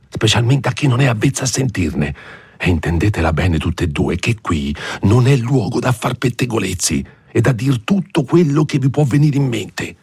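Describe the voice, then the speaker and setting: A man voicing a frightened, fussy old village priest who scolds in a hushed voice. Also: low-pitched, slightly rough, dry recording, clean studio sound, pitched above the performer's own voice, full character voice.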